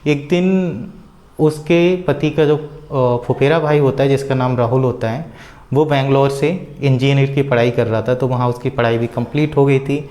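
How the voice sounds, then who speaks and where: A man casually retelling a story out loud, with a rambling flow full of filler words and small hesitations. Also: mid-range voice, steady tone, moderate pace.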